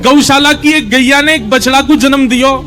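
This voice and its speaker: A man's voice: very high voice, moderate pace, bright, forceful tone, faint music behind, voice pushed up. A man voicing the playful, mischievous child Krishna in a Braj accent, with a pleading, childlike sing-song. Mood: sobbing complaint.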